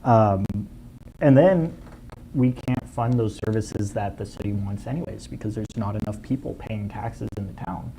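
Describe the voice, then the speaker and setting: Earnest low-voiced male candidate. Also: moderate pace, creaky, warm tone, a little hiss or hum, low-quality recording. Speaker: city council candidate. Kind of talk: candidate forum answer.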